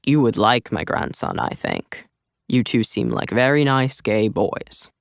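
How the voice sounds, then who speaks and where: A man's voice: on the low side, huge pitch swings, a little slow, creaky, no echo, studio quality, exaggerated voice. A man voicing a chatty older man with a slight accent, talking in a rambling, earnest way in an audiobook. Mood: friendly. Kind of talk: audiobook character voice.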